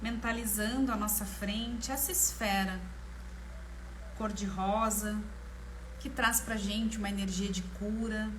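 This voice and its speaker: A woman with a Brazilian Portuguese accent leading a guided meditation in a slow, soothing manner, leaving long pauses between short phrases. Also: medium pitch, fairly even intonation, rough recording. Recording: clear background noise, ambience. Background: ambient meditation music.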